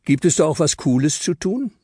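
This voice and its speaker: A man voicing a lively, curious young boy in a children's audiobook. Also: on the high side, a little fast, breathy edge, dry recording, studio quality, voice pushed up. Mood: excited. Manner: excited.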